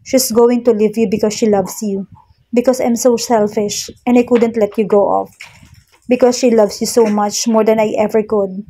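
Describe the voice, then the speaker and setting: A woman's voice: fairly high pitch, steady tone, normal speed, warm tone, slightly rough. A woman voicing a guilt-ridden young woman who keeps apologizing through tears, in a read-aloud love story. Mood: tearful. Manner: apologetic, tearful.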